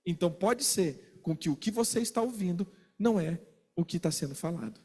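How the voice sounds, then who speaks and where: A man preaching a sermon, animated, asking his listeners questions and acting out little exchanges. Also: high-pitched, fairly quick, slightly rough, big-room sound. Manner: animated, asks the congregation questions and acts out quarrels.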